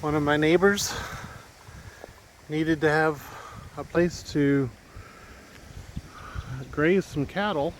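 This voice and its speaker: A man's voice: on the high side, slow, pauses often, slight background noise. A man giving a meandering, easygoing tour of his rural property while talking, a little out of breath. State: slightly out of breath. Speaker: homesteading vlogger. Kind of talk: casual walking tour chat.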